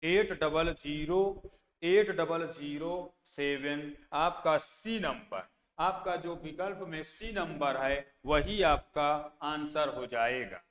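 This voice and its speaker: Man, math teacher, slow and deliberate, slightly high voice, reverberant hall. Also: fairly bright tone. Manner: slow, repeats place values and asks then answers his own questions. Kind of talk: exam-prep math lesson. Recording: echoey room with long reverb, faint background noise.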